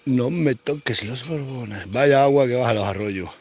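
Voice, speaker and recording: A man's voice: medium pitch, unhurried, a little hiss or hum. A man, a cattle farmer, rambling to himself and calling out to his cows as he works outdoors. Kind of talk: casual monologue while working.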